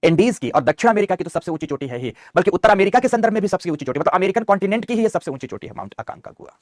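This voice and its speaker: A man's voice: sits high, animated, very fast, dry recording, studio quality. A man teaching a geography map lesson. He repeats key terms and calls his students "beta". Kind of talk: online map lecture.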